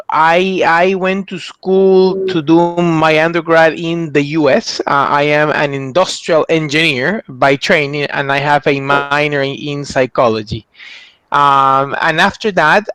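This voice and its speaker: A man's voice: on the high side, steady tone, slow pace, sharp tone, slight background noise. Earnest man from Ecuador on a headset. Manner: earnest, gestures a lot, many restarts. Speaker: MBA graduate giving a testimonial. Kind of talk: testimonial talk to camera. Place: small indoor room. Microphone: headset mic on a video call.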